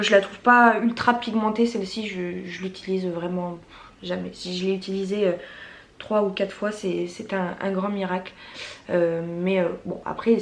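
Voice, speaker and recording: A woman's voice: mid-range voice, roomy sound. A woman vlogger casually reviewing her makeup collection, chatty, with many fillers and restarts. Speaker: beauty vlogger.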